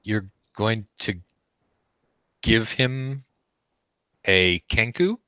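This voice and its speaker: A man narrating a tabletop game as game master, haltingly, searching for his words as he improvises. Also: on the low side, bright, forceful tone, smooth, no echo, poor audio. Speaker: game master, host of the live play.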